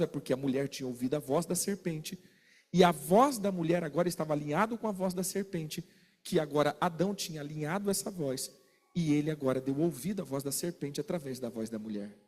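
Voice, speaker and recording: A man preaching a sermon, animated, asking his listeners questions and acting out little exchanges. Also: a little high, in a large hall. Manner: animated, asks the congregation questions and acts out quarrels.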